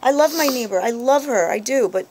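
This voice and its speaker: A woman in her thirties hosting a radio talk show, venting and telling stories in a lively, chatty way. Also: fairly high pitch, a little hiss or hum. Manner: animated storyteller, quick to vent. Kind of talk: casual chat.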